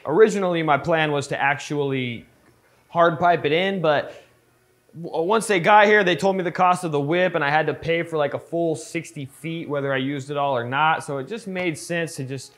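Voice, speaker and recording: A man in his thirties with a slightly high voice that sounds congested and nasal, as though he were pinching his nose. He chats to the camera like a vlogger, in an easygoing, conversational way. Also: normal speed, fairly bright tone. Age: 30s. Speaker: screen printing shop owner and vlogger. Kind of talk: casual vlog talk to camera. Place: indoors in a screen printing workshop.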